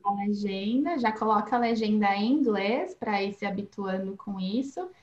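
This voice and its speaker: A woman's voice: mid-range voice, normal speed, dull audio. A woman explaining language-learning tips as an interview guest, in a practical, instructive way. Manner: explanatory, practical, speaks in steady instructive phrases. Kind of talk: casual advice in an interview. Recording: echoey room.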